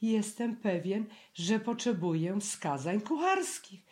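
A storybook reader voicing a gentle, simple-minded teddy bear who talks innocently and earnestly. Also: medium pitch, big pitch swings, slow pace, voice pushed up.

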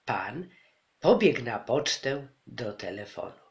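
A man reading a children's story aloud with expressive, dramatic storytelling. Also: mid-range voice, slow. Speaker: narrator.

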